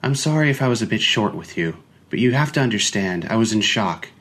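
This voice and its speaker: A man voicing a brisk, controlling woman who runs a household and scolds. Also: lowish voice, expressive, fairly bright tone. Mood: curt. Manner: curt, scolding.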